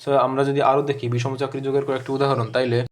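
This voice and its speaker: Flat-voiced young man tutoring chemistry. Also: mid-range voice, very fast. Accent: Bangladeshi Bengali. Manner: thinking aloud with many fillers and self-corrections; repeats memory tricks over and over. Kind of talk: exam-prep lecture, solving multiple-choice questions.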